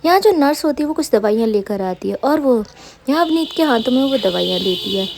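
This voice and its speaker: A young woman with a high voice and a mellow, warm tone who hosts an audio love story. She chats with her fans in a casual, slightly exasperated way, then moves into narrating the episode. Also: lively intonation, brisk, creaky, a little hiss or hum. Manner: chatty, exasperated asides to fans.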